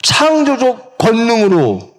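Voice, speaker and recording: A man's voice: extremely high pitch, wildly swooping pitch, takes it slowly. A middle-aged male pastor preaching a sermon in a church, asking the congregation questions and acting out the voices he quotes. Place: church sanctuary.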